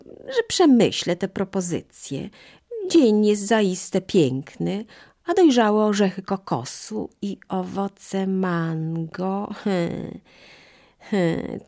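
A woman doing a squeaky clever monkey. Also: slow, full character voice. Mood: pondering. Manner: high, excitable, squeaky. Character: clever, cautious female monkey.

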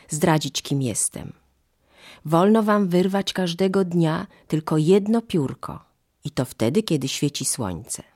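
A woman voicing a gentle talking gander father. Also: fairly low pitch. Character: gentle male goose, a father returned.

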